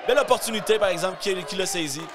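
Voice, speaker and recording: A man with a Quebec French accent calling live wrestling play-by-play as an excited commentator who often shouts and exclaims. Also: sits high, very fast. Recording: live event with crowd noise.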